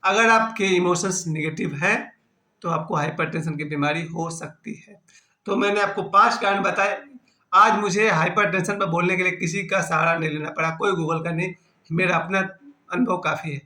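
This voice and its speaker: A man's voice: high-pitched, fairly even intonation, moderate pace, pushed and bright, roomy sound. A man in his fifties giving an earnest, self-mocking personal talk on his vlog. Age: 50s. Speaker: vlogger.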